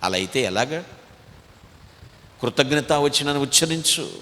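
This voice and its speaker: Emphatic Telugu pastor preaching in a hall. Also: male voice, expressive, measured pace. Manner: emphatic preaching, swinging between loud exhortation and low asides. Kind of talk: sermon.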